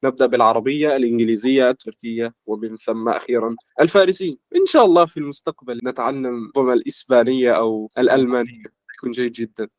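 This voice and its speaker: A young man from Egypt, a language student in an interview, explaining at a measured pace with lots of filler words. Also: medium pitch, no room sound. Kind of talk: casual conversation in formal Arabic.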